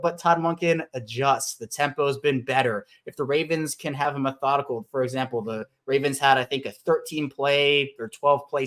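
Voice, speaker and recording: Man, podcast host, casual sports chat, mid-pitched voice, restarts as he thinks. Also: fairly bright tone. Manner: conversational, thinks aloud with restarts. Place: Baltimore.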